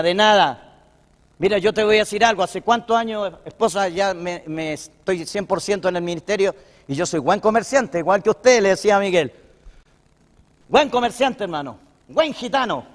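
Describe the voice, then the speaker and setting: Chilean pastor preaching in a reverberant hall. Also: male voice, high-pitched, moderate pace. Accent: Chilean Spanish. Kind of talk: sermon.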